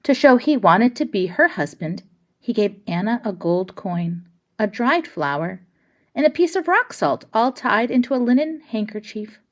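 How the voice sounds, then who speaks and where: A woman with a medium-pitched voice reads a children's picture book aloud, her phrasing expressive and deliberate, in a storybook read-aloud.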